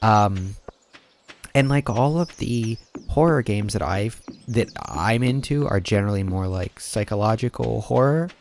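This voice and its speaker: A man's voice: on the low side, animated, unhurried, darkish tone, a little hiss or hum. A man commenting over gameplay in a rambling, casual way, full of fillers and restarts, sounding sleepy. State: sleepy, yawning. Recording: clear background music. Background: background game music.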